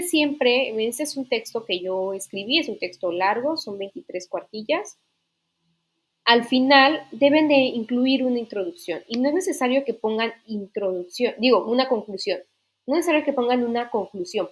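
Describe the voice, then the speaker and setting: A woman teacher explaining writing rules in an online literature class, patient, often checking that students follow. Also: a little high. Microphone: computer mic in an online class.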